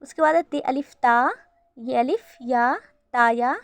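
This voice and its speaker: A woman's voice: high voice, takes it slowly, smooth, no echo. A woman teaching a beginner Urdu reading lesson, patiently spelling out letters syllable by syllable.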